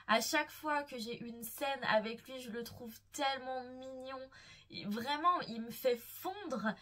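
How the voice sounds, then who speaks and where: Sitting high in pitch with a fairly bright tone, this young woman's voice keeps a measured pace as she hosts her book vlog. She swoons and gushes playfully over favorite characters in an enthusiastic, casual chat.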